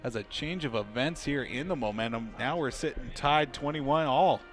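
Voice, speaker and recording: A man's voice: medium pitch, normal speed, fairly bright tone, soft background music. A man working as a color commentator, analyzing football plays and replays. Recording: crowd noise at outdoor stadium.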